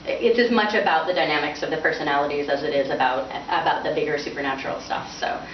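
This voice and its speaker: At a bookstore reading, a low-voiced woman author talks quickly, mixing casual book talk with dramatic readings from her own novel. The audio is dull, distant, and roomy, a noisy bandlimited capture of the event.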